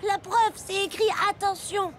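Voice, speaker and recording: A woman voicing an anxious, bossy young child in an animated series, fussy and hesitant but pleased with their own advice. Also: very high-pitched, unhurried. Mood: worried, cautious. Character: anxious, bossy, boastful young child, cautious best friend.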